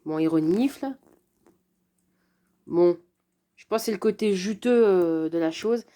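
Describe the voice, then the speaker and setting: A woman chatting casually through an unboxing of a cat subscription box, often pausing with fillers. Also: lowish voice, warm tone. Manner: chatty, hesitant with frequent fillers.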